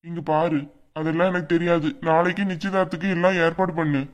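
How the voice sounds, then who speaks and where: A woman's voice: on the low side, fairly even intonation, fast talker, lightly acted. A woman voicing a frail old father lying sick in a hospital bed, speaking weakly and then stubbornly insisting.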